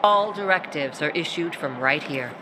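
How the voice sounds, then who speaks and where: An actress plays a tough, proud female military officer bluntly and briskly briefing a newcomer in a video game cutscene. Her low, expressive voice comes through over a noisy background.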